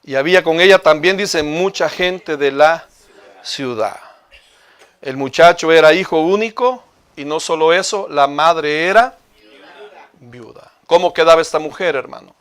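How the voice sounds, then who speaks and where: A man's voice: on the high side, a little slow, fairly bright tone, smooth. A male pastor preaching a sermon with passion, speaking straight to his congregation. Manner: impassioned preaching, addressing listeners as hermano.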